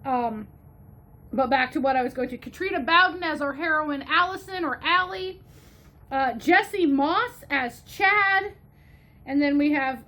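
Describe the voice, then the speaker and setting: A woman's voice: high voice, a bit bright, slight background noise. A woman from Ohio giving a chatty, gushing movie review, slipping now and then into a playful mock Southern drawl. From Northwest Ohio, USA.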